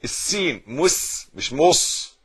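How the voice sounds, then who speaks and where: A man's voice: a little high, very animated, slow pace, a bit bright, husky. A man with an Egyptian accent teaches Quran recitation. He chants the verses, stops to correct mistakes, and has the listener repeat each phrase. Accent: Egyptian Arabic. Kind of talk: recitation lesson.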